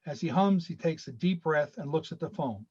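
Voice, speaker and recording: A man reading screenplay stage directions over a video call in a steady, matter-of-fact way. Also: on the high side, normal speed, breathy edge, muffled recording.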